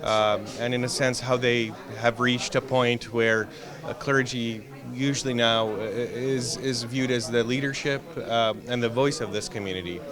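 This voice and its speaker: A man's voice: mid-range voice, fairly even intonation, unhurried. A man being interviewed at a conference as a historian, answering thoughtfully with frequent restarts and fillers. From Iraq, raised in Canada. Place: conference venue. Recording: crowd chatter behind.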